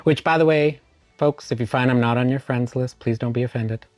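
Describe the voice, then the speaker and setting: A man's voice: mid-range voice, brisk, darkish tone, no echo. Man, live stream host, casual chat, greets viewers, spells out commands, dry close sound, faint music behind.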